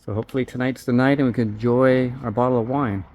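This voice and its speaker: A man talking in a relaxed, teasing way as a travel vlogger. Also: medium pitch, quick pace, lo-fi sound. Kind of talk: casual travel vlog. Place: outdoors. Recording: background noise outdoors.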